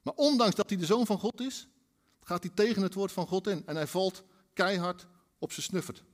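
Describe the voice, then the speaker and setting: A man's voice: high voice, moderate pace. A man preaching a sermon, acting out quoted voices in his storytelling. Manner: animated, acts out quoted dialogue.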